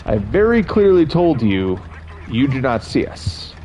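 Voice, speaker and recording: This young male streamer offers casual gameplay commentary to his chat, rambling and chuckling at himself. He has a warm, mid-range voice with big pitch swings and a measured pace. Faint game noise sits under a slightly dull recording.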